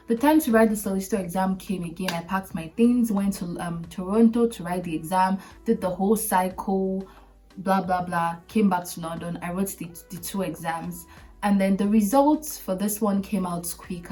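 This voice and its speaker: A woman hosting a podcast, telling her own story to viewers in a chatty, animated way, laughing often and acting out what friends said. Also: lowish voice, far from the mic, rough recording. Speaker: podcast host.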